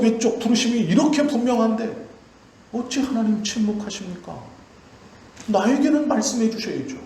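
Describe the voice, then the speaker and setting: A male pastor preaching a sermon with passion, his voice rising high and then sinking low and quiet. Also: slight background noise. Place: church sanctuary. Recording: very echoey church hall, faint ambience.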